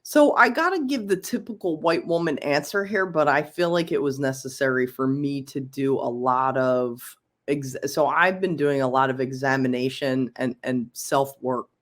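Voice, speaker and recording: A woman's voice: extremely low pitch, moderate pace. A woman from Philadelphia, a UX researcher guesting on a podcast, talking casually with many ums and easy laughs. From Philadelphia, USA. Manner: chatty, frequent ums, laughs easily. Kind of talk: casual interview chat.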